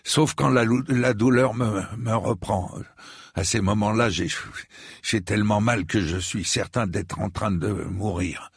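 Man doing an exhausted wounded young knight, stammering, husky, gravelly. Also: low voice, lively intonation, takes it slowly, fairly bright tone, no room sound, studio quality, full character voice. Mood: pained, faltering. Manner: stammering, faltering.

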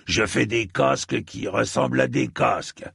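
A man voicing a stocky, bearded armorer who talks bluntly and gruffly. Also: mid-range voice, measured pace, fairly bright tone, no room sound, clean studio sound, pitched above the performer's own voice, heavily acted. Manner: gruff, blunt, matter-of-fact.

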